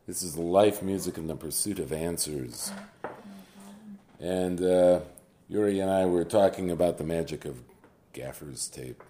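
A man hosting a casual interview podcast, relaxed and affirming. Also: low voice, unhurried, slight background noise. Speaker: podcast host. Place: a friend's house.

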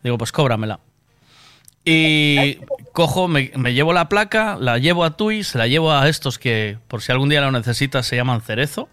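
A man with a Castilian Spanish accent chatting casually, telling anecdotes in a colloquial, sweary, animated way. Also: mid-range voice, moderate pace, clear, resonant tone, no room sound.

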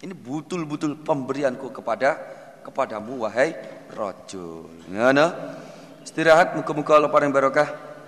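Preacher in an echoey hall. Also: male voice, mid-range voice, moderate pace. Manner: reads Arabic text then translates phrase by phrase, animated retelling. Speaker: Islamic preacher. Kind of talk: sermon.

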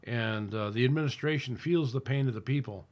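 A man's voice: medium pitch, brisk. A middle-aged man from the United States giving casual political commentary as host of his own channel, rambling with frequent restarts and fillers.

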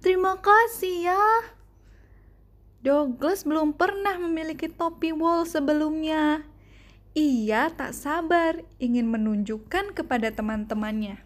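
A woman reads a children's picture book aloud, gentle and expressive. Her voice sits high and her pace is unhurried. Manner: slow, gentle, expressive reading. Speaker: storybook reader. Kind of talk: children's story read-aloud.

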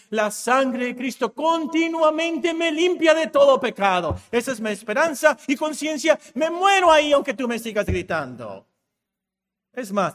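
A man's voice: sits high, fairly bright tone, in a large hall. A man preaching a sermon as pastor, speaking straight to the listener in an emphatic way and repeating phrases for stress. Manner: addresses listener directly.

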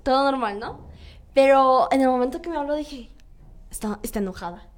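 A high-voiced teenage girl chatting casually as a guest. She tells everyday stories with animation and slips into the voices of the people she quotes. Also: fairly quick. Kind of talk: casual chat.

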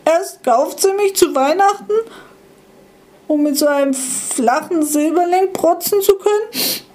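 A woman's voice: unhurried, darkish tone. A woman doing a weepy little GPS gadget. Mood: tearful. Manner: sobbing, high and defiant.

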